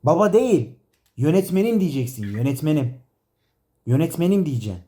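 Exasperated man directing, lively pitch. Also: moderate pace. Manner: teasing, exasperated, laughs often. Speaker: director of a comedy sketch. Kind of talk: playful directing banter.

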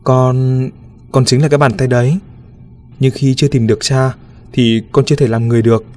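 A man voicing an eerie little ghost boy who speaks in a calm, gentle, knowing way, in a spoken ghost story. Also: mid-range voice, fairly quick, dry recording, soft background music, close to an everyday voice.

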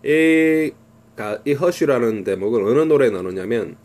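A middle-aged man teaching English through a pop song, slowly reading lyric lines and explaining the grammar. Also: mid-range voice, animated, a little mellow.

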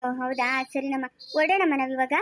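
A woman's voice: high-pitched, quick pace, fairly bright tone, dry recording, clean studio sound. A woman playing a firm but kind policewoman who talks sternly and comforts like an elder sister in a family moral drama.

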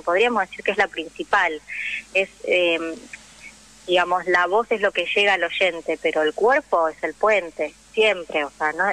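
In a conversational radio interview, a young Argentine guest with a Rioplatense accent, who works as an actress and drama teacher, explains emphatically and keeps checking in with her listener. Her fairly low voice has a fairly bright tone, and the recording is low quality.

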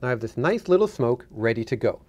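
A man's voice: medium pitch, big pitch swings, quick pace, darkish tone, dull audio. A middle-aged man giving a casual hands-on tutorial, instructing step by step and repeating himself for emphasis. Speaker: demonstrator, guest.

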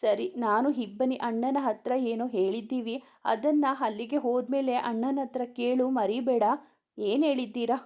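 A woman's voice: on the high side, fairly even intonation, normal speed, darkish tone, highs cut off. A woman reading a romantic family story aloud, voicing the dialogue in her own voice. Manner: reads all characters' dialogue in her own voice. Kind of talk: scripted story narration with dialogue.

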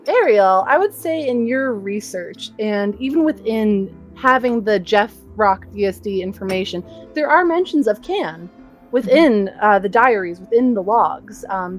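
A young woman guiding players through a tabletop adventure as its game master. She describes scenes calmly with casual fillers. Faint music sits behind her. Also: mid-range voice. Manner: descriptive, unhurried, with laughs and fillers.

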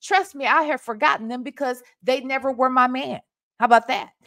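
Speaking a little fast in a high voice, a Southern-accented Ohio woman in her forties records a reaction video at home in a small room. Through a webcam and desk microphone she comments casually on a played call, animated, emphatic, and sassy.

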